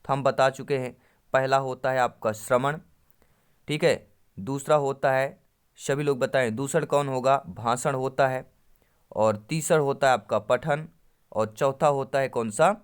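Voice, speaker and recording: A man's voice: medium pitch, unhurried, clear, resonant tone. A man teaching an exam-prep lesson, reading Sanskrit options and explaining them in Hindi while addressing viewers as friends.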